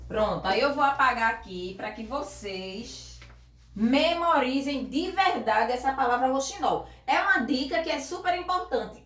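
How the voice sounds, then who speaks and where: A woman teaching a grammar lesson to a class. She explains slowly and patiently and often checks that the students are following. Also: fairly high pitch, reverberant.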